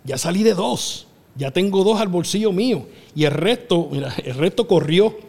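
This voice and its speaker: Middle-aged Puerto Rican man, a bit high-pitched, spinning excitable backstage tales in a room with long reverb. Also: normal speed, vocal fry. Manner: excitable, acts out voices, laughs often. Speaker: wrestling show booker. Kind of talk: animated storytelling interview.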